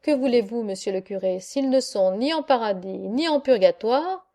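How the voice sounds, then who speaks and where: A woman reading an audiobook voices a solemn angel who keeps the records, speaking gravely in a measured, somewhat weary way. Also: fairly high pitch, lively intonation, mellow. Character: solemn angel with dark wings, record keeper.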